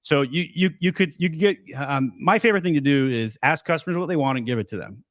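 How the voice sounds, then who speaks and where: A man's voice: on the high side, fast, a bit bright, no room sound, studio quality. A man hosting a live question-and-answer stream, giving blunt, joking advice in a casual chat. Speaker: host of a live seller Q&A.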